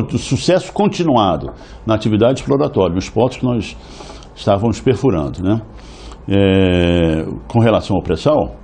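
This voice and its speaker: A man answers an interviewer at length, often restarting phrases and tagging them with little questions. His voice is husky and dark, with a gravelly edge and a wide, lively pitch range. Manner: hesitant, many restarts and tag questions. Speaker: interviewee, oil company insider.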